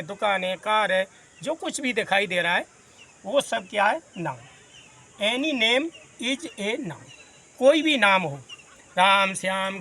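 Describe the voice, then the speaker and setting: A man from Agra, India, patiently teaches a grammar class, explaining through long lists of examples and addressing his students as "son." His voice is high-pitched, pushed and bright, and he says he talks fast.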